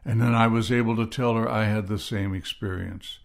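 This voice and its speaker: A middle-aged man teaching on a devotional podcast, earnest and reflective, reading scripture slowly. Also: on the low side, steady tone, creaky. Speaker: podcast preacher.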